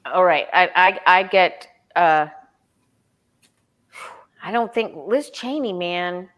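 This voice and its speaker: A woman reading cards in a casual group chat, expressive and exclamatory. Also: on the low side, takes it slowly, highs cut off. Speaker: card reader.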